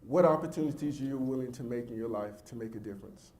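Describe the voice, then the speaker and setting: Male youth motivational speaker, mid-pitched, heartfelt and direct with the crowd, recorded in a roomy, echoey event hall. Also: quick pace, darkish tone. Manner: emphatic, addresses the audience directly; heartfelt and earnest. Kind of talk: motivational speech to a young audience. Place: large event hall with a live audience. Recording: echoey hall with faint ambience.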